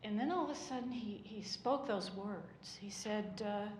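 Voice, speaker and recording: Give me a woman voicing an old fisherman who wistfully recalls being exhausted, mid-pitched, in an echoing room. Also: normal speed, darkish tone, a little hiss or hum, natural voice. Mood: weary, wistful. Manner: rambling, wistful storytelling with sighs of exhaustion. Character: old male fisherman disciple, weary and reminiscing. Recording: echoey church room.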